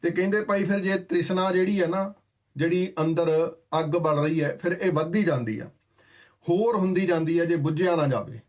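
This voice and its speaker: A man giving a sermon that explains scripture. He chants verses slowly and then explains them in plain, conversational talk. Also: fairly high pitch, darkish tone. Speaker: Sikh scripture preacher.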